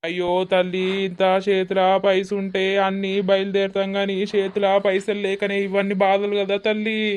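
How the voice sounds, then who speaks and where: A man's voice: sits high, completely flat delivery, normal speed, clean tone, natural voice. A worried cartoon villager, voiced by a man speaks in a plain, mid-range voice with a Telangana Telugu accent. He sounds anxious and pleading. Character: worried village man searching for a missing wife.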